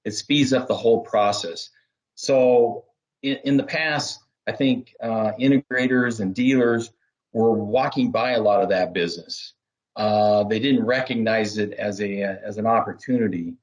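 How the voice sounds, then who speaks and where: In an interview, a business development manager gives explanatory answers, setting out his points one at a time and halting now and then. His voice sits fairly low, and the audio is poor.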